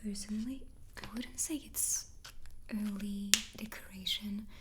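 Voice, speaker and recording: A woman doing a whispered ASMR chat in a soft, playful, chatty way. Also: medium pitch, fairly even intonation, a little slow, noisy background. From France. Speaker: ASMR creator and host.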